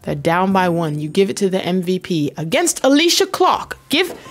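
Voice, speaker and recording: A woman's voice: fairly low pitch, very animated, normal speed, faint music behind. A woman hosting her own channel, giving playful, joking commentary over basketball footage and slipping into mock slang. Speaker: host analyzing basketball footage.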